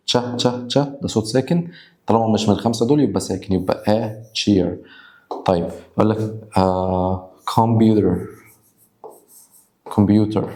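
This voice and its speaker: A man with an Egyptian Arabic accent teaching English grammar, repeating example words slowly and sounding them out. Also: on the low side, darkish tone, reverberant, a little hiss or hum. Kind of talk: spoken grammar lesson.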